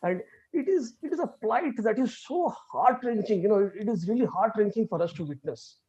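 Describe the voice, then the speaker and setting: Fast-talking man lecturing online. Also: sits high, expressive, mellow, breathy edge. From India. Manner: fast, earnest, many fillers and restarts. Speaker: guest speaker. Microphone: video call. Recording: dull lo-fi video call audio.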